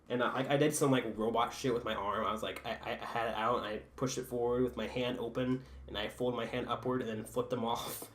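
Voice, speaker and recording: A teen boy with a mid-range, steady and brisk voice hosts a podcast, telling profane, rambling stories and laughing at his own jokes. The recording has an echoey room sound and a faint background hum.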